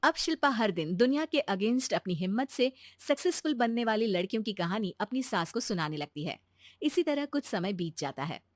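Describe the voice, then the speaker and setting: A woman storyteller reading scripted narration for an animated moral story. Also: medium pitch, normal speed, no echo, clean studio sound.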